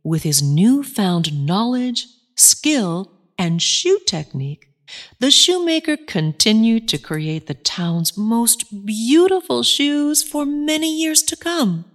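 A woman narrates a children's story with animated expression. Her voice is fairly high and swoops widely, and she takes her time with each phrase. Soft music plays underneath. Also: slow.

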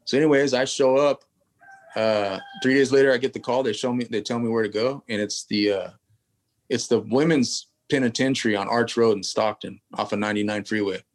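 A man's voice: mid-range voice, fairly even intonation, a little fast. A man from California, a tattoo artist guest telling a long story in casual, rambling fashion full of street slang and asides.

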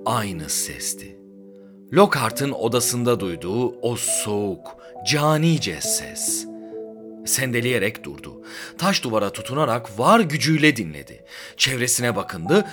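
A male podcast host reads a story with dramatic flair. His pitch rises and falls a lot as he builds tension, and he voices the characters' lines. Faint music plays underneath. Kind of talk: dramatic audiobook reading.

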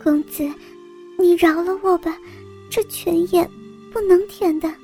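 A woman's voice: extremely high pitch, steady tone, measured pace, a little mellow, faint music behind, voice pushed up. A woman doing a bashful, stammering young maid. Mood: bashful pleading. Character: shy young maidservant, bashful and pleading. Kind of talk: storybook role-play.

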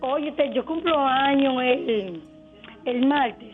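Gushing high-pitched woman caller, muffled phone sound. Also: slow pace, faint music behind. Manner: excitable, gushing. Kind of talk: phone call to a radio show.

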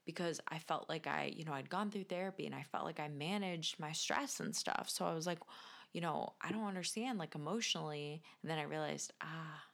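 On a casual podcast about health and nutrition, a woman speaks fairly quickly in a low, slightly bright voice with vocal fry. She reflects conversationally on her own experience.

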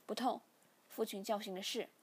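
Defiant young guy talking back to his dad, woman reading, breathy voice. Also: medium pitch, steady tone, moderate pace, close to an everyday voice. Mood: firm. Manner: firm, defiant. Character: young male first-person hero, stubborn.

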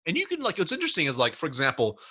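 A man's voice: a little high, huge pitch swings, racing, pushed and bright, slightly rough. A man telling a workplace story as an interview guest, acting out both sides of the dialogue. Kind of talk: casual storytelling chat.

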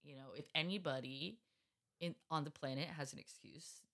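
A woman's voice: low-pitched, moderate pace, fairly bright tone. A woman in her thirties, a podcast co-host, telling her story in casual chat, blunt, sarcastic and full of swearing. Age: 30s.

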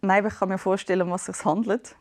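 A woman's voice: mid-range voice, level tone, very fast, darkish tone. A woman co-hosting a podcast, firing off teasing, mock-indignant comebacks in casual banter. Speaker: podcast co-host.

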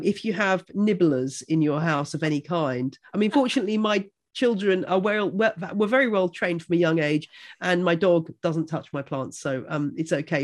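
A middle-aged woman from Buckinghamshire with a Home Counties accent, chatting informatively and enthusiastically about her expertise in an animated, emphatic way. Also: fairly low pitch. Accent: English Home Counties. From Buckinghamshire, England. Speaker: houseplant expert and author.

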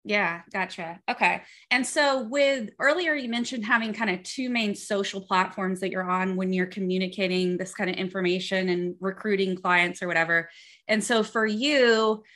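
A woman's voice: mid-range voice, bright, forceful tone. A woman hosting a podcast interview, asking friendly, direct questions in a casual tone. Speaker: podcast host.

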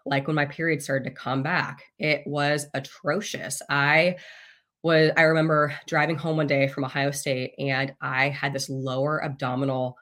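A woman's voice: sits low, little pitch movement, moderate pace, fairly bright tone. A woman in her thirties, a podcast guest, telling a personal story in a candid, casual way, swearing freely and laughing often.

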